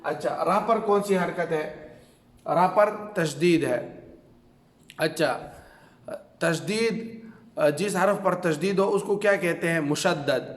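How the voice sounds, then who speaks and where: A man's voice: a little high, long pauses. A man with a Pakistani Urdu accent teaching a reading lesson at a board, drilling questions and answers with frequent filler sounds. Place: classroom with a board. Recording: echoey room with long reverb.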